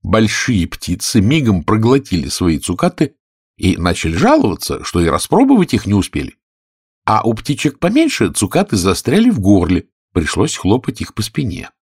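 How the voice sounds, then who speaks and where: A man narrating an audiobook fairy tale with expressive storytelling. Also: on the low side, moderate pace, breathy edge, no echo, clean studio sound.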